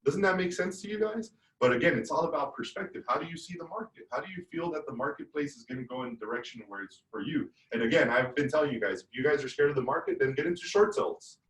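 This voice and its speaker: A man leading a real estate team meeting, giving an energetic motivational talk and repeating himself as he coaches. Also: fairly high pitch, quick pace, few pauses. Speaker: brokerage leader running team meeting. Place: room on a video call. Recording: roomy audio from far off.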